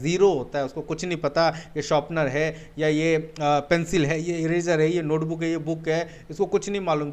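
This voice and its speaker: Teaching a spoken English webinar lesson, a man with an Indian accent and a fairly high voice blends Hindi with English. He poses rhetorical questions, answers them himself, and repeatedly says "my dear friend."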